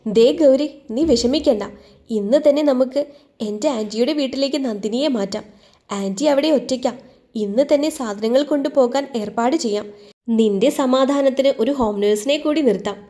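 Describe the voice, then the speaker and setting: A woman's voice: sits high, normal speed, mellow, lightly acted. A woman voicing a kind wealthy mother-in-law who fusses and reassures. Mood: reassuring.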